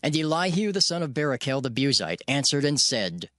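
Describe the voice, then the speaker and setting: Expressive male scripture narrator, dry sound. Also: medium pitch, a little fast, no echo.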